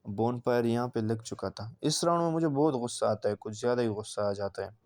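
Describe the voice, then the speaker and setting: A man talks through his match in a relaxed gameplay voice-over. His voice is warm and mellow, sitting at an ordinary middle pitch. He recounts each moment casually, often speaking straight to the viewers. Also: brisk. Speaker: gaming channel creator.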